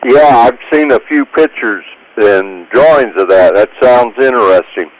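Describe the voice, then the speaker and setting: An American man checking in on an amateur radio net, chatting casually in an unhurried, hesitant way. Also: medium pitch, expressive, dry recording, poor audio. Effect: heard over amateur two-meter radio. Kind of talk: casual ham radio chat.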